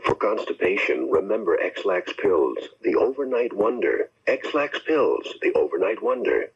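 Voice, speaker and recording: A man announcing slogan-driven radio commercials in a husky voice. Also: on the low side, very animated, unhurried. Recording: dull old radio recording.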